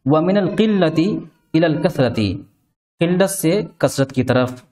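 Man teaching a translation lesson slowly. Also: fairly high pitch, animated, a little mellow. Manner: reads a phrase, then glosses it word by word. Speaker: Arabic teacher.

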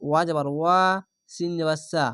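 Man, Quran reading teacher, spells syllables letter by letter, patient explaining, slightly high voice, dry close sound. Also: flat delivery, a bit bright, clear, resonant tone, no room sound. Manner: spells out syllables slowly and methodically.

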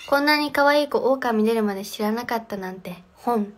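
A woman's voice: a little high, moderate pace, slight background noise. A young woman casually chatting on a phone livestream from home, reading viewer comments aloud and answering them. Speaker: livestream host. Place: home, indoors.

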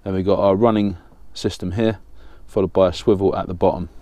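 Brisk and warm, his low voice stays fairly even in intonation, and the recording is dry. The speaker, a man in his thirties with a southern English accent, hosts a fishing channel and takes viewers through a rig step by step, practically and plainly, hands at work in a small studio with a banner backdrop.

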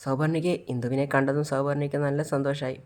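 A man's voice: mid-range voice, flat delivery, fast talker, a little mellow. A man casually narrating a recap of a TV serial episode, stepping into the characters' lines as he goes. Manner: retells scenes and acts out the lines of each character.

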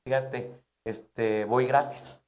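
A man's voice: medium pitch, steady tone, drawn-out words, noisy background. A man with a Mexican accent hosting a comedy show from a bar, chatting crudely and playfully. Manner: crude, playful, laughs often. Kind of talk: casual joking chat. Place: bar set.

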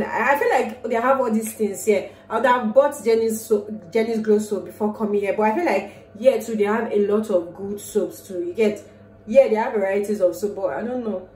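A young woman with a Nigerian English accent talks to her vlog camera in a loose, rambling, self-mocking way. Her voice is mellow and sits back from the mic in a roomy space with a faint hiss behind it. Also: medium pitch, a little fast. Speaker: vlogger. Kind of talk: casual vlog chat to camera. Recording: roomy, distant sound with faint noise.

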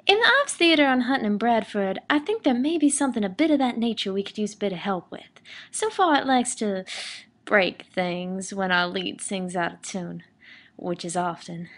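A woman's voice: medium pitch, expressive, moderate pace, fairly bright tone. Woman voicing Toni, a bubbly young theater girl. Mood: earnest. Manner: polite, bubbly. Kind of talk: fan audio drama.

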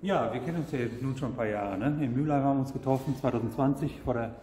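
A man's voice: mid-range voice, quick pace, warm tone. A middle-aged man explaining a product in a camper showroom, earnest and hesitant, with frequent fillers. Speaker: product seller, guest. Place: camper showroom, large indoor hall. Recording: roomy hall with long reverb.

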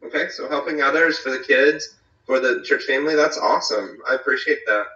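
A man's voice: mid-range voice, fairly quick, sharp tone. Man leading a group on a video call. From eastern North Carolina. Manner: friendly, rambling with many fillers and restarts. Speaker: small group leader. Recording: echoey, distant, dull video call audio.

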